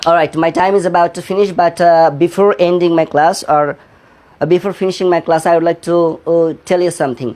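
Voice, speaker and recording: A man with a Bengali accent teaching an English lesson to students in an online class. He repeats words slowly and drills their pronunciation. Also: on the high side, fairly even intonation, darkish tone.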